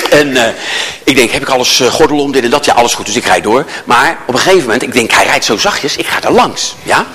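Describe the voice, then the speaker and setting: A man with a high, bright voice leads a live workshop and swoops all over his range as he jokes with the crowd. His words ring out with the long reverb of a large hall. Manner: animated, joking storyteller who addresses the audience. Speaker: workshop speaker. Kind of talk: interactive talk to a live audience.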